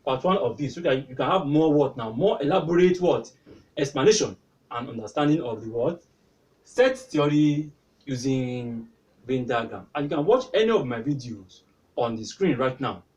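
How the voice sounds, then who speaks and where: A man's voice: medium pitch, expressive, moderate pace, darkish tone, far from the mic, dull audio. A man teaching a maths lesson, constantly prompting the class with "what now?" as he explains step by step. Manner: repeatedly asks "what now?" prompting answers. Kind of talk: whiteboard tutorial.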